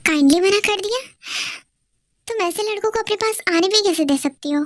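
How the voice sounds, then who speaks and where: A woman's voice: very high-pitched, moderate pace, dry recording, studio quality. A woman voicing a possessive, impatient young man in love, in a pushy and demanding way.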